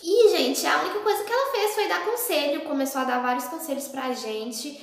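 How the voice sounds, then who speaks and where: A young woman tells a personal story in a high voice with a gravelly edge. She is chatty and animated, slipping into the voices of the people she describes. The room around her rings with a strong echo. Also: brisk. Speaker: vlogger. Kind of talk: casual storytelling to camera. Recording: very echoey room.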